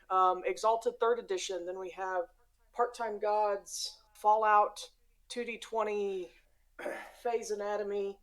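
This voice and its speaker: A woman's voice: mid-range voice, poor audio. A woman player casually giving channel announcements on a tabletop gaming show.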